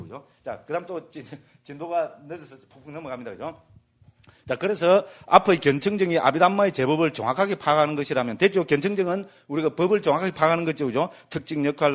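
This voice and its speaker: A man, a Buddhist monk, giving a jokey, animated lecture and keeps asking the class "right?". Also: fairly high pitch. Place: meditation center lecture hall.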